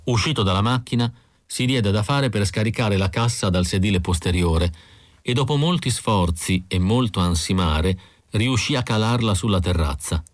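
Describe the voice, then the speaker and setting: A man narrating an audiobook in a measured, expressive reading. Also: lowish voice, no echo. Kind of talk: scripted narration.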